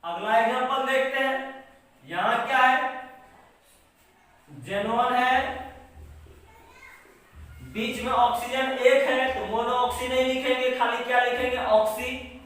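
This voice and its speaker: A man's voice: very high voice, fairly even intonation, slow, long pauses, a bit bright. A man teaching a chemistry class. He asks his students questions and answers them himself. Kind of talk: classroom lecture. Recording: echoey room, voice far from mic.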